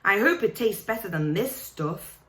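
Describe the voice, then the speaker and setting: A woman's voice: medium pitch, expressive, normal speed, echoey room, natural voice. A woman voicing an injured, weary schoolboy who speaks dryly.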